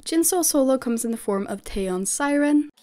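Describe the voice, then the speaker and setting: A K-pop fan video creator delivers a scripted, opinionated voice-over about her favorite picks from a music group. Her high voice is expressive and moves at normal speed, chatty and enthusiastic. She has recovered from losing her voice.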